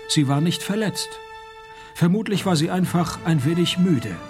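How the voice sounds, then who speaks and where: A man playing a cynical, hard-drinking noir private detective in a radio crime drama, dry and deadpan. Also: fairly high pitch. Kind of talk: scripted radio crime drama with first-person narration.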